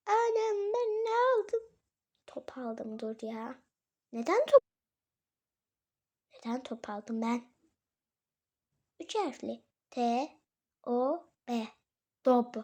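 A flustered, scatterbrained mother, as a woman puts her on in toy play, exclaiming and scolding in a high, gravelly voice. She drags her words out slowly and keeps poking fun at herself. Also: warm tone. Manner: exclamatory, scolding, self-mocking.

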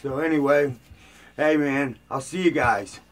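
A man's voice: medium pitch, unhurried. An older man chatting casually to camera as a vlogger, rambling loosely with plenty of fillers and restarts, and sounding tired. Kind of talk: casual rambling vlog chat.

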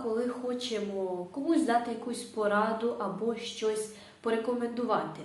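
A woman teaching English grammar step by step, reading her English examples slowly and carefully. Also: a little high. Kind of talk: explaining grammar lesson. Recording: very echoey room, distant mic.

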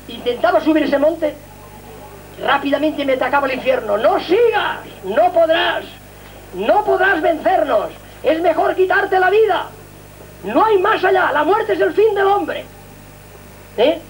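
A man's voice: extremely high pitch, slight background noise, poor audio. An older man from Valencia, Spain, giving a fervent religious testimony and telling his listeners the story with drama. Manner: dramatic, impassioned storyteller who addresses listeners directly.

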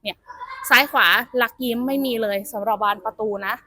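A woman's voice: fairly high pitch, fairly even intonation, brisk, sharp tone, no room sound. A young woman giving a chatty used-car sales walkaround, talking familiarly to viewers, apparently recorded outdoors at a car lot. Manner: chatty, addresses viewers as elder sibling.

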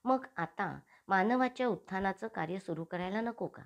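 A woman's voice: mid-range voice, expressive, normal speed, vocal fry. A woman voicing an earnest, compassionate male spiritual thinker in an audiobook, pleading in inner monologue. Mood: reflective. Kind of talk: audiobook character reading.

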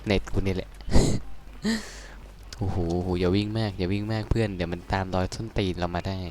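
A young man giving casual, excitable game commentary, swearing crudely and yelping at scares. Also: low voice, moderate pace, a little hiss or hum. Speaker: gaming streamer.

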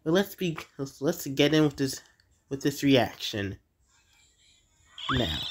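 Excitable young man with lively, swooping pitch. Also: slow pace, background noise. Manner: animated, exclamatory, repeats himself. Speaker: reaction video host. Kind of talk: casual reaction vlog commentary. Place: small dim room indoors. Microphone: phone held close to the face.

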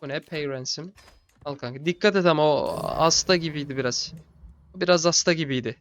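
Tired, low-key young male gamer. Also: fairly quick, dull audio. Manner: relaxed and low-key, talks to game characters as buddies. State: tired, recording late at night. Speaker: gaming channel host. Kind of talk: casual strategy game commentary.

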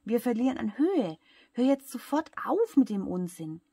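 A woman voicing a bossy, cheeky talking air mattress in a bedtime story, with a breathy voice. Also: lively intonation, moderate pace, darkish tone, no room sound, clean studio sound, heavily acted. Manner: bossy, high-spirited.

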